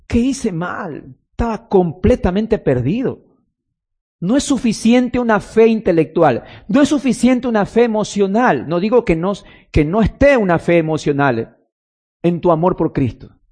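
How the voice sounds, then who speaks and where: A man's voice: high-pitched, darkish tone, husky. A man preaching a sermon as pastor, telling stories and rising into emphatic calls.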